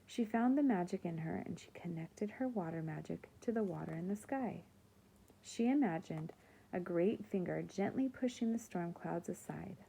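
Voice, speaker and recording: A woman teacher reading a children's chapter book aloud in a calm, expressive narrating voice. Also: on the low side, moderate pace, vocal fry, slight background noise, rough recording. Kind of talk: storybook read-aloud.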